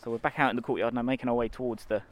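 A man's voice: medium pitch, steady tone, rapid-fire, crowd noise. A man presenting a walk-and-talk documentary in a hospital, chatting casually and narrating as he goes. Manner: chatty, informal, narrates as he walks. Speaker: presenter touring a hospital ward. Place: hospital ward and corridors.

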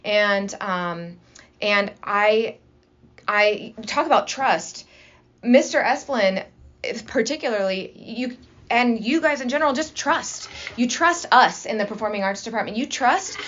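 This is a woman drama teacher talking eagerly in a casual interview. Her voice sits a little high, and she tumbles through her thoughts with restarts. The recording is slightly muffled and lo-fi. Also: lively intonation, a little slow, fairly bright tone. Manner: enthusiastic, talkative, many restarts. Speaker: high school drama teacher and assistant principal.

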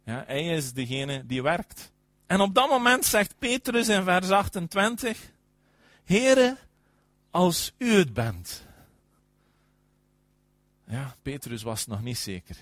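A man preaching a sermon, emphatic, often affirming with "ja" and swinging between loud and soft. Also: a little high, very animated, a little slow, no echo, clean studio sound.

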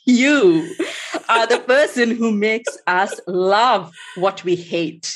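A woman hosting a podcast interview, introducing her guest with eager, effusive praise. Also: mid-range voice. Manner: enthusiastic, effusive. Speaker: podcast host.

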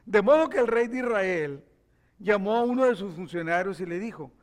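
A man's voice: high-pitched, animated, normal speed. A man preaching, retelling a scripture story with acted quotes and asides to his listeners. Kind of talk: Bible teaching sermon.

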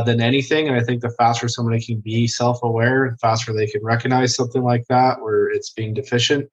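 A man's voice: medium pitch, fairly bright tone, low-quality recording. A man hosting a podcast interview, enthusiastic and casual with his guest. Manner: enthusiastic, calls guest brother and dude. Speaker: podcast host.

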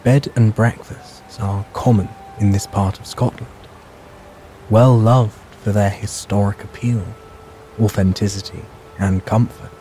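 A man narrating a bedtime sleep story in a calm, measured, soothing and hushed guiding way. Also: lowish voice, slight background noise, rough recording.

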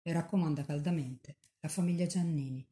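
A nun reading a devotional text aloud in a measured, calm way. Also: female voice, deep voice.

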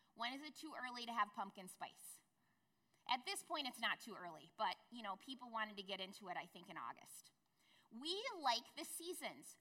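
A woman's voice: a little high, bright, forceful tone, in a large hall. A woman pastor giving a sermon in a conversational way, with asides to the congregation. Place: church sanctuary.

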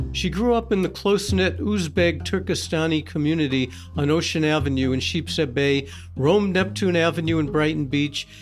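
A man reading scripted documentary narration in a measured, even way. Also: on the high side.

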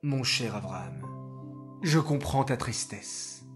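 A storyteller voicing God as a grave, sorrowful presence speaking slowly in a children's story. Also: mid-range voice, expressive, soft background music, voice pushed down. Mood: solemn. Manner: grave, measured. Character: solemn, sorrowful divine voice.

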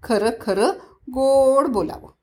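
A woman telling a moral story to children, speaking lively and asking them questions that she answers herself. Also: high voice. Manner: sings devotional verse slowly.

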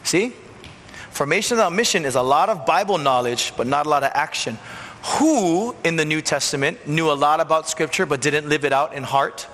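A man preaching a conversational sermon as a pastor in a church, acting out quick bits of dialogue. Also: fairly high pitch, expressive, fairly bright tone. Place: church sanctuary. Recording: long church reverb, faint noise.

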